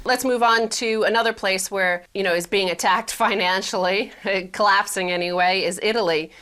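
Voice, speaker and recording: Female co-host, financial news reader, questioning manner, mid pitch. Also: moderate pace, a bit bright. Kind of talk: reading news and asking questions.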